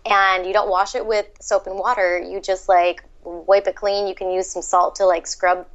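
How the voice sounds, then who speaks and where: A woman's voice: mid-range voice, little pitch movement, moderate pace. A woman co-hosting a casual chat, explaining things in an easy, practical way. She leans on everyday comparisons to make her points. The recording sounds a little dull and lo-fi. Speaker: co-host.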